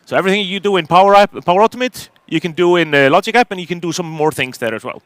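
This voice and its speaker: A man's voice: high voice, rapid-fire, fairly bright tone, smooth, dry recording. A middle-aged man from Iceland, giving a technical conference talk from a stage, hesitant with many fillers and restarts. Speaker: conference speaker.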